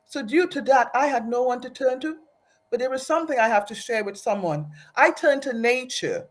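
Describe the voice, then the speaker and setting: Her voice is a little high with lively intonation and a moderate pace. Appearing as an interview guest, this woman from Aruba who grew up in Trinidad tells her own story earnestly and reflectively, often starting phrases over.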